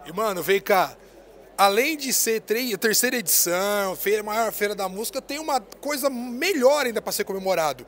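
A man's voice: sits high, animated, normal speed, a bit bright, slight background noise. A man in his thirties interviewing a guest at an indoor music fair with a handheld mic, talking in a hyped, slangy, joking way. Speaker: interviewer host. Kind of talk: casual event interview.

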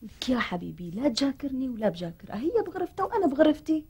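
An actress with a Syrian Arabic accent playing a stubborn second wife who curtly refuses to leave. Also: female voice, high-pitched, big pitch swings, very fast, darkish tone, breathy edge, full character voice. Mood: defiant. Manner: defiant, curt refusals. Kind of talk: TV comedy acting.

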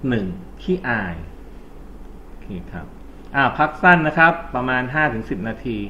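A Thai-accented man explains English grammar in a loose, chatty classroom way, often catching and correcting himself. His voice is bright and pushed forward. The recording is a little dull, with faint noise behind it. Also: mid-range voice, expressive, normal speed. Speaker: English teacher. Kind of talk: recorded exam-prep lesson.

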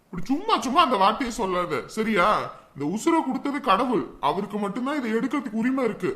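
A man playing a calm husband and father consoling his tearful wife. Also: extremely high pitch, fast, full character voice. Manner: gentle, steady.

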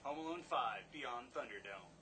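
A man's voice: mid-range voice, lively intonation, moderate pace. A man cracking sarcastic jokes over an old movie in a basement. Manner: wisecracking, sarcastic. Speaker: movie riffing host. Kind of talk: joking commentary over a film. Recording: home recording with film noise behind.

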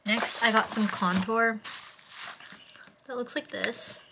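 A woman's voice: a little high, steady tone, takes it slowly, creaky, noisy background. A young woman narrating a vlog in a casual, chatty style. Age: young adult. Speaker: vlogger.

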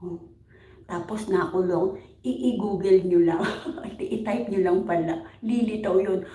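A woman's voice: mid-range voice, a little slow, mellow. Chatty Filipino woman vlogger, echoey room. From Philippines. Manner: chatty, laughs often, keeps asking "right?". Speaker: overseas caregiver. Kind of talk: casual livestream chat reading comments. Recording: roomy echo.

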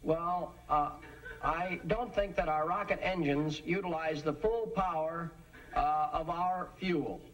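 An actor playing a sheepish, earnest young American amateur rocketeer, halting and stammering, in a 1950s sitcom. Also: male voice, a little high, fairly even intonation. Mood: awkward. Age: young adult. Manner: halting, stammering, full of hesitations. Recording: distant-miked vintage TV soundtrack.

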